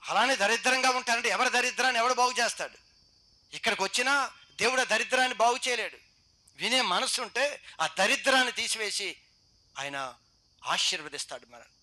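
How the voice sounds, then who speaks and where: Speaking in a very high voice, a pastor with a Telugu accent addresses a youth meeting. His sermon surges and drops in volume as he fires off quick rhetorical questions to urge them on.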